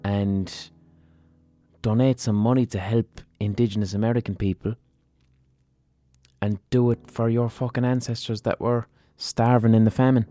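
An Irish man speaks as a podcast host in a low, soft-edged voice. He is informal and earnest, and swears freely. Faint music sits behind him. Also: little pitch movement, moderate pace, no echo. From Ireland. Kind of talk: casual spoken podcast introduction and interview.

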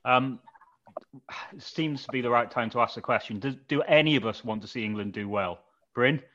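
A man hosting a podcast, asking steady questions about football. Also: mid-range voice, moderate pace, a little hiss or hum. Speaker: podcast host. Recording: slightly muffled audio.

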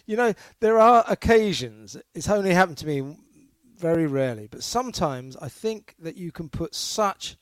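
A British man co-hosting a podcast, telling dog stories with halting starts that turn animated. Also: on the high side, dry recording. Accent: British English. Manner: hesitant starts, then animated storytelling. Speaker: podcast co-host. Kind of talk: casual chat, anecdotes.

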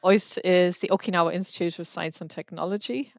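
A woman's voice: lowish voice, fairly even intonation, brisk, gravelly, dry recording, studio quality. Explaining woman from Ireland. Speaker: professor. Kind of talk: interview testimony.

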